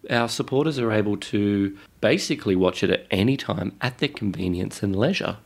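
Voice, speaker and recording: A man's voice: lowish voice, brisk, gravelly. An Australian man with a nasal, congested voice from a head cold, co-hosting a casual podcast chat. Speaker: podcast co-host.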